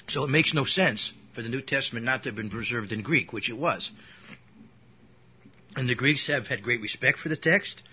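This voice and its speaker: A man's voice: mid-range voice, moderate pace, pauses often, background noise. A man teaching an informal Bible lesson, rambling and restarting his sentences, with an occasional cough. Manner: rambling, with frequent restarts and asides. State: coughing now and then. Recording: dull lo-fi recording.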